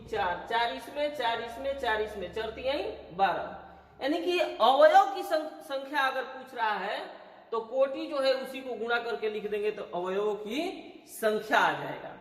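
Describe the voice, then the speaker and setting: A man's voice: very high-pitched, fairly bright tone. A man teaching a math lesson, explaining step by step, counting aloud and checking that students follow. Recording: echoey room with long reverb.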